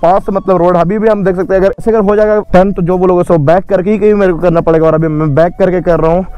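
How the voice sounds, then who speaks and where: Fast young guy vlogging by a highway, keeps scolding, faint music behind. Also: steady tone, smooth, no echo, highs cut off. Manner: scolding, insistent, addresses viewers as guys. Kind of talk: casual vlog talk. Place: outdoors by a highway.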